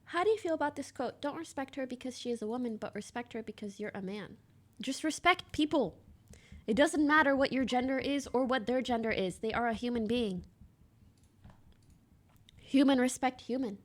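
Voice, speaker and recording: A woman's voice: high-pitched, moderate pace. A woman in her twenties from Canada, a streamer chatting bluntly and casually while reacting to clips and reading chat.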